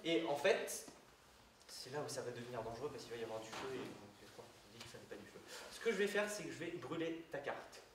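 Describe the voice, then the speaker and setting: Male amateur magician, informal step-by-step patter, lively swinging pitch, very echoey distant recording. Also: fast talker. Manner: informal step-by-step explaining to a participant. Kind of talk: live card trick patter. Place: echoey indoor room with people around. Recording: echoey room, distant mic, noisy.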